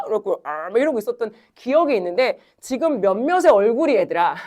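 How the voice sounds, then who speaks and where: A middle-aged woman teaching a high school Korean class, chatty and animated, telling a story and acting out her students' grumbles before going back to the lesson.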